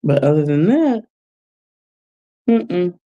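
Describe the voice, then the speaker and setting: Slow, mellow-voiced woman chatting. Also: fairly low pitch, very animated, lo-fi sound, slight background noise. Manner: unhurried, reflective, chuckles often; gentle advice-giving. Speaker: vlogger giving life advice. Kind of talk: casual livestream chat while crafting.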